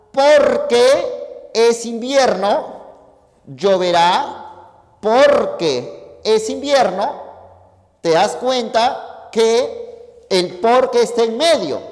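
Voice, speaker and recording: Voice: medium pitch, darkish tone, big-room sound. A teacher giving a logic lesson, explaining each step and often checking that the students follow. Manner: addresses listeners informally, pointing at the board.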